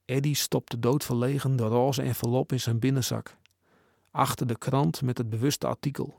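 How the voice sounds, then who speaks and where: A man narrating a storybook in a measured, expressive way. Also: mid-range voice, vocal fry, dry recording, studio quality. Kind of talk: storybook reading.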